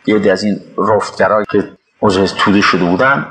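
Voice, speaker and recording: An older man from Iran recalling his past work in a halting interview, with pauses and restarts. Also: lowish voice, a bit bright, low-quality recording. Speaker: interviewee recalling his time as a city official. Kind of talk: reminiscing interview.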